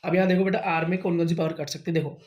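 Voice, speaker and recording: A man's voice: on the high side, flat delivery, rapid-fire, a little mellow, roomy sound. A man tutoring a student through maths steps at home, patiently checking that each step is understood. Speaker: maths teacher. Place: teaching at home.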